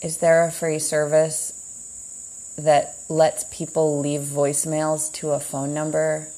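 A woman hosting her own show, speaking in a slow, meandering, introspective monologue with long pauses. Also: low-pitched, monotone, warm tone, poor audio. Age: adult, heard as a child in the 80s. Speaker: podcast host.

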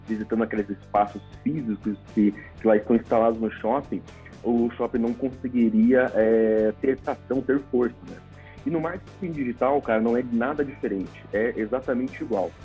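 A man's voice: medium pitch, normal speed, highs cut off, faint music behind. A Brazilian man, a podcast guest, explaining things in a casual, informal way and often adding tag questions. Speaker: podcast guest, paid traffic manager.

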